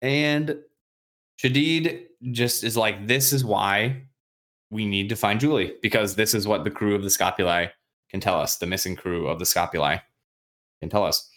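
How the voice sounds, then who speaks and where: A man with a fairly low voice recaps a novel in a relaxed podcast chat. He slips into quick, casual impressions of the characters and swears freely as he goes. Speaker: podcast host recapping a book.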